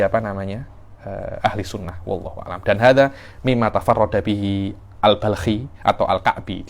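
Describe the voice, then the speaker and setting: A man teaching Islamic legal theory in a class, explaining the text and acting out short examples. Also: lowish voice. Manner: explains in a mix of Malay and Arabic terms, with acted examples.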